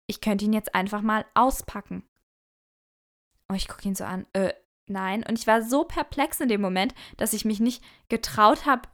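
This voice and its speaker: A woman's voice: mid-range voice, a bit bright. A young woman hosting a podcast, casually telling a dating story to her listeners and acting out both sides of the dialogue. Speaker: podcast host.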